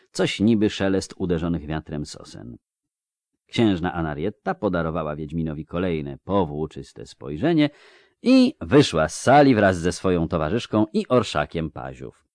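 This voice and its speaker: A man narrating a fantasy novel as an audiobook, in an expressive, measured storytelling manner. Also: deep voice, no echo, clean studio sound.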